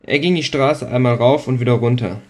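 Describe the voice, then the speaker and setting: A man's voice: mid-range voice, a little fast, a little mellow. A man reading a story aloud in a dry, matter-of-fact way. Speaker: narrator. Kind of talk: scripted narration.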